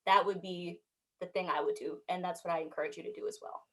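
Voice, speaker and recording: A young woman from the United States, speaking as a panelist and telling her story in an animated, emphatic way. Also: lowish voice, quick pace. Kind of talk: panel discussion.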